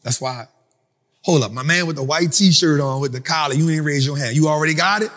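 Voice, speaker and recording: A man hosting a finance talk for a live audience, in a casual, animated storytelling style that acts out other people. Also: a little high, fairly quick, in a large hall. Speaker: finance speaker and host. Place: event venue with an audience.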